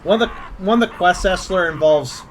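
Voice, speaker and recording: A man's voice: high-pitched, fairly quick, a little hiss or hum. A man chatting casually and informally, with some swearing, while playing an online game with friends. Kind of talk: casual chat while gaming.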